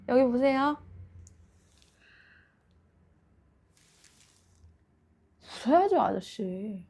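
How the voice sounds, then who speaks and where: A woman's voice: on the high side, a little mellow. An actress playing a playful, unhinged female psychopath in a dramatic monologue, mock-polite and giggly as she menaces and taunts her captive. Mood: sinister cheer. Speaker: actor performing a monologue.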